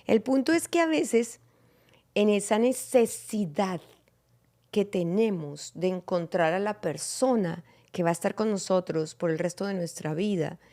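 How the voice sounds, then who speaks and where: Lady hosting a church talk panel, calm and thoughtful, asks her guests stuff. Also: medium pitch. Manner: reflective, measured questions to guests. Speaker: podcast host.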